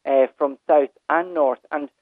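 An Irish man phones in, his voice a bit high for a man and squeezed by a tinny line. He talks casually, with halting, informal phrasing. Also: steady tone, no room sound. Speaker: phone-in caller, hospitality business owner or manager. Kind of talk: casual conversation. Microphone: telephone.

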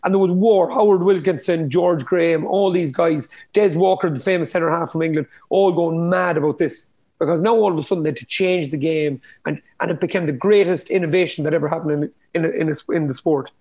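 A man's voice: on the high side, steady tone, fairly quick, a little mellow. A man in casual, opinionated discussion, emphatic and colloquial, often repeating words as he starts.

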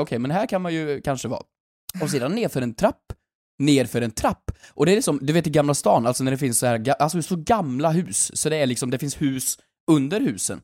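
A young man, a podcast co-host telling a lively story in casual chat and swearing freely. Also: mid-range voice, dry recording, studio quality.

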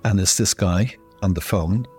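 A man from Ireland with a Dublin accent, telling a family story in a casual, lively way and acting out the people he quotes. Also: low voice, normal speed, faint music behind. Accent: Dublin Irish. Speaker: storyteller guest.

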